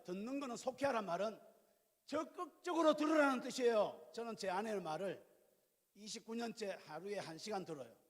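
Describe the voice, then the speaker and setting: A male pastor in his fifties preaching a sermon, telling stories in a lively, colloquial way with questions to the congregation. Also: sits high. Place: church sanctuary. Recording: reverberant church hall.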